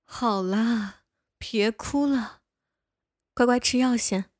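A woman's voice: fairly high pitch, slow pace, darkish tone, no room sound, clean studio sound. A young woman voicing a bossy but caring older neighbor woman who scolds and coaxes the listener in a one-sided audio role-play. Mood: teasing. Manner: playful scolding, coaxing.

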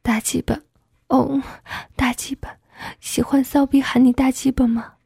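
An eager wife breathes her lines in a hushed, husky whispered role-play, as a woman acts her out. She repeats herself with urgency, sitting a little high in pitch, and the sound is close and dry. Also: level tone, measured pace, dry recording, exaggerated voice. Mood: urgent.

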